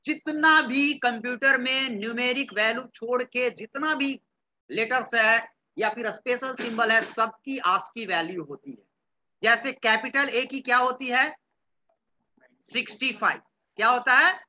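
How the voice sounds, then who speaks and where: Guy teaching computers, quizzes the class, repeats answers, bright voice, muffled lo-fi audio. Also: extremely high pitch, a little hiss or hum. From Bihar, India. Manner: mixes English terms into Hindi. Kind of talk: classroom lecture.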